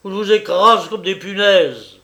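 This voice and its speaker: A man voicing a big, strong young butcher who is frightened and speaks in a hoarse, rough voice. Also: a little high, fairly even intonation, measured pace, close to an everyday voice. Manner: rough, threatening then fearful.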